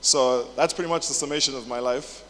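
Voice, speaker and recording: A man in his twenties from England gives a casual, jokey talk in a large indoor conference hall, full of fillers, restarts and swearing. His voice is medium-pitched, brisk and fairly bright, and the hall is echoey with faint noise.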